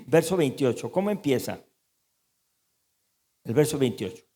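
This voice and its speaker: A man preaching a sermon as pastor, animated and asking the congregation questions. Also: mid-range voice, unhurried, vocal fry, big-room sound. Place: church.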